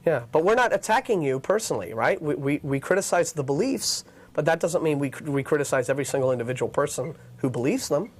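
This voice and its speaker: A man's voice: fairly high pitch, animated, quick pace. An American man hosting a call-in show, reasoning and questioning insistently in unscripted debate. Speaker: host of an atheist call-in show.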